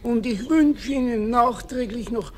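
An old Bavarian caretaker, folksy. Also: male voice, very high-pitched, unhurried, darkish tone, slight background noise. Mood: kindly stern. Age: older. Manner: folksy, chuckling, scolding kindly. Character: gruff but kindly old male caretaker. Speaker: building caretaker. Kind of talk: 1970s radio play acting.

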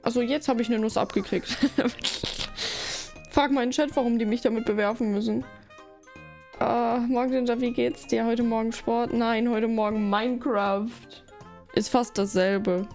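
A woman's voice: fairly high pitch, steady tone, unhurried, a little mellow, faint music behind. A woman live streamer chatting casually, giggling and teasing as she thanks viewers one after another, in a sleepy morning mood.

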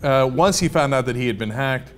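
A man's voice: mid-range voice, a little fast, slight background noise. A man hosting a casual news commentary show, talking bluntly and conversationally with frequent fillers. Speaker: host.

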